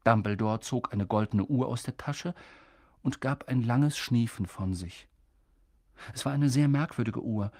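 A man narrating a fantasy audiobook with expressive, storytelling delivery. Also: mid-range voice, a little slow, no room sound, studio quality. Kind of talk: scripted narration.

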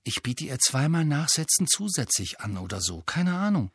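Reading an audiobook, a man performs a full character voice for a weary, grumbling teenage boy wizard, pitched above his own natural voice. The delivery is sing-song and breathy, on the high side, at a moderate pace. The sound is clean studio quality with no echo.

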